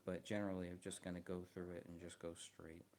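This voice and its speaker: A soft-spoken, low-voiced man chats on a live stream, close to the mic, with a brisk but flat delivery. He hesitates often, saying um and restarting his sentences.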